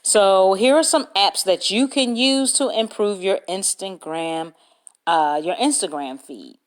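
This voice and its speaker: A woman hosting a solo podcast, reading out business tips and spelling out words as she goes. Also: medium pitch. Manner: slow, deliberate, reads points aloud and spells words out. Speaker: podcast host.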